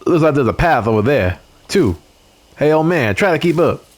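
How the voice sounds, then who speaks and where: A man's voice: a little high, expressive, normal speed, pitched above the performer's own voice. A man voicing a jumpy young man who covers his fear with brusque, scoffing talk.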